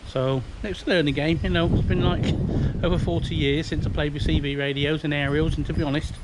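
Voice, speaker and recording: On the high side and steady in tone, this British man in his fifties talks fairly quickly over heavy background noise. It's a chatty, unpolished hobbyist show-and-tell, rambling along, shot with a phone or handheld camera next to a house on a breezy day.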